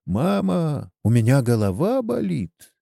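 A man voicing a small sick boy who pleads in a high, childlike way. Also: very animated, measured pace, creaky, dark tone, dry recording, clean studio sound, exaggerated voice. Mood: feverish, weak. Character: small sick boy longing for his father.

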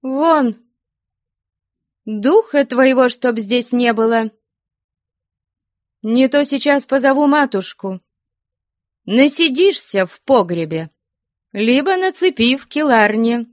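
A woman's voice: a little high, lively intonation, slow pace, long pauses, no room sound, studio quality, voice pushed up. Woman playing a cold, stern young woman.

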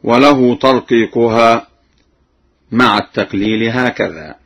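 A man's voice: mid-range voice, unhurried, a bit bright, husky. A man teaching Quran recitation rules on a radio program, explaining each rule and then chanting the verse as an example. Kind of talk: radio lesson on recitation variants. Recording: dull old radio broadcast.

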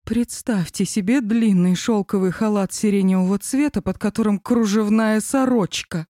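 A woman's voice: mid-range voice, normal speed, warm tone, dry recording, pitched above the performer's own voice, lightly acted. A woman reading an audiobook, voicing a prim, flustered female office boss. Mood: gossiping. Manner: dry, prim.

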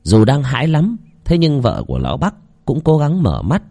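A man telling a village horror story in a dramatic, expressive voice. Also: mid-range voice, moderate pace, vocal fry.

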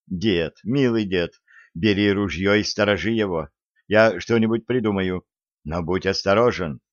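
A man's voice: deep voice, a little slow, dry recording. A man voicing an earnest young woman who pleads and urges in an audiobook. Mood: urgent. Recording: dry, slightly dull audiobook recording.

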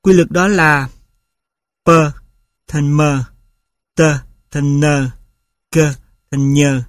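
A man reading a scripted linguistics lecture, spelling out sounds and example words one at a time in a slow, measured way. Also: fairly high pitch, no room sound, studio quality.

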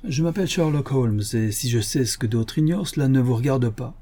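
A man's voice: medium pitch, a little fast, dark tone, pitched above the performer's own voice, natural voice. A man reading an audiobook, voicing a suave, shrewd detective. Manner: smooth, courteous.

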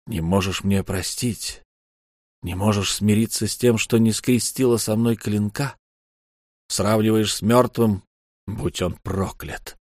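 A male audiobook reader playing a brooding, tormented warrior husband who speaks low and grim. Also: fairly even intonation, unhurried, a little mellow, no room sound, studio quality.

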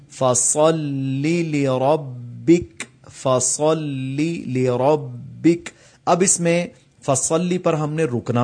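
A man, teaching tajweed, who slowly draws out each recited word and patiently explains common mistakes between the phrases. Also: a little high, darkish tone. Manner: slow, drawn-out recitation of each word, repeated for practice.

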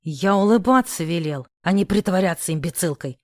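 A woman's voice: lowish voice, expressive, moderate pace, darkish tone, dry recording, clean studio sound, natural voice. A woman voicing a mocking, bossy rich young man who teases and hisses orders. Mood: commanding. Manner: smug, teasing, hissing orders.

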